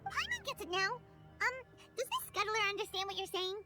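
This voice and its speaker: A woman voicing a tiny, excitable female fairy companion in a video game, with a squeaky, childlike voice and a chirpy, inquisitive manner. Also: fairly quick. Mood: curious. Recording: game music behind the voice.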